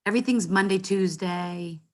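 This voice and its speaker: A woman's voice: medium pitch, moderate pace, a little mellow. Wry, matter-of-fact woman on a council call. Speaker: council member. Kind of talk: casual meeting chat. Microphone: video call.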